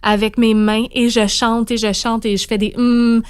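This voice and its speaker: A woman's voice: on the high side, level tone, normal speed, clean tone, no room sound. A woman with a Quebec French accent, a guest on a podcast, telling the story of her birth in a vivid, emotional way.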